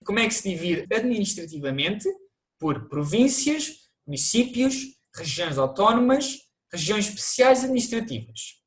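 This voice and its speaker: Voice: medium pitch, big pitch swings, moderate pace. A teacher with a European Portuguese accent, narrating an online language lesson and explaining things to viewers, with the odd restart.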